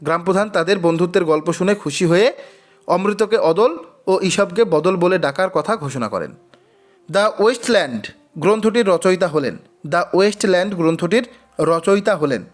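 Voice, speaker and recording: A man's voice: high voice, expressive, normal speed. A man teaching an exam-prep quiz lesson, reading each question twice before giving and explaining the answer. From West Bengal.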